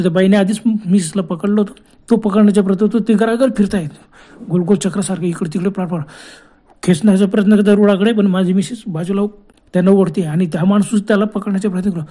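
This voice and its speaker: A man's voice: high-pitched, mellow. A man telling his own ghost encounter in the first person, earnest and vivid, repeating words for effect. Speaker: storyteller.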